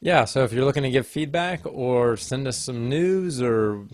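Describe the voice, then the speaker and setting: A man's voice: mid-range voice, lively intonation, normal speed, no echo. A man co-hosting a tech podcast, giving his contact details in easygoing, hesitant casual chat. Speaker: podcast co-host.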